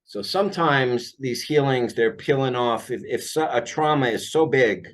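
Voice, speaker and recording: A man working as an aura healer, telling about a client session in an unscripted monologue, halting with many fillers and restarts. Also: mid-range voice.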